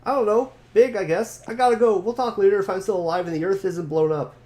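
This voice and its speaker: A man voicing an excitable, panicky teenage boy gamer in a dramatic reading of a webcomic. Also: high-pitched, pitched above the performer's own voice, lightly acted. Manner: rapid, rising, alarmed.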